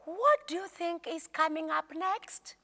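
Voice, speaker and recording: Middle-aged woman teacher, high bright voice, slow and lively, a bit of gravel. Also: big-room sound. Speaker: Sunday school teacher. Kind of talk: children's lesson. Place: small room with pink curtains.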